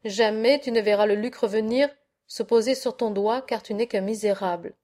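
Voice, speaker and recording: Woman reading a grumpy old bearded farmer dad, preachy with proverbs, kinda high voice. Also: moderate pace, warm tone, lightly acted. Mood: scolding. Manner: sententious, proverb-laden rebukes. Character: stern old bearded peasant father, scolding.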